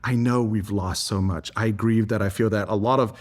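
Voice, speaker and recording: A Singaporean environmental advocate answers as an interview guest with earnest, reflective articulacy. He speaks at a moderate pace in a lowish voice with a steady tone.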